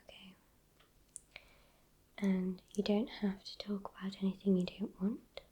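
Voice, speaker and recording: A British woman doing a whispered role-play as a soothing healer, in a soft, breathy spa whisper, slow and reassuring. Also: mid-range voice, little pitch movement, lo-fi sound.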